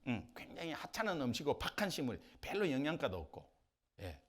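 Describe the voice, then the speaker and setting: Middle-aged pastor guy preaching, super animated, voice swinging all over, laughs at his own stories. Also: on the high side, a little fast. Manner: animated storytelling with dialect impressions and laughter. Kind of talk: sermon. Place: church sanctuary.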